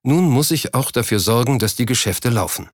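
A man's voice: mid-range voice, lively intonation, moderate pace, no echo, clean studio sound, lightly acted. A man reading an audiobook, voicing a proud, driven businessman who speaks curtly and a little irritably. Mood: defensive. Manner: curt, slightly irritated. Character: proud driven businessman, middle-aged, terse. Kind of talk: audiobook character voice.

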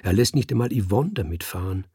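A man voicing a despondent young male student who talks in a weary, sighing way, with a husky voice. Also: fairly low pitch, expressive, brisk, mellow, dry recording, studio quality, exaggerated voice. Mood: glum.

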